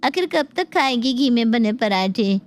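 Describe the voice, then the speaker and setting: A woman's voice: fairly high pitch, animated, moderate pace, lightly acted. A woman voicing a middle-aged village woman with folksy speech and blunt opinions in a cartoon. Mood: advising. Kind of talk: cartoon voice acting.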